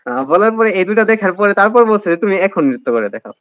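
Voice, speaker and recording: With a high-pitched, sing-song, fairly bright voice and a quick pace, a young interview guest tells of his admission test in a Bangladeshi Bengali accent, hesitating with frequent fillers. The recording has no echo but sounds dull.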